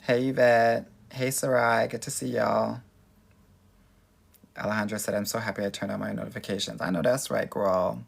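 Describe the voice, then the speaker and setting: Casting: American male dating coach, fairly deep and creaky, sassy and effusive girly manner, informal live Q and A chat. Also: steady tone, fairly quick, long pauses. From Los Angeles, United States. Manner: sassy, effusive, girly best-friend way of talking. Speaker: dating coach and livestream host. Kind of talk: casual livestream chat answering viewer questions.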